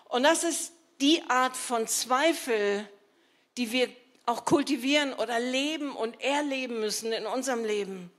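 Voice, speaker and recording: A woman's voice: a little high, measured pace. A woman preaching a sermon in an earnest, emphatic, conversational way, with rhetorical asides to the congregation.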